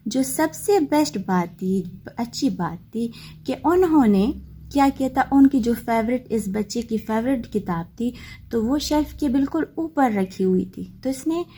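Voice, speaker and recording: A woman teaching a textbook lesson, reading English lines slowly and then explaining them patiently. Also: a little high, expressive, mellow, a little hiss or hum. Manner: patient, checks in with "okay" often.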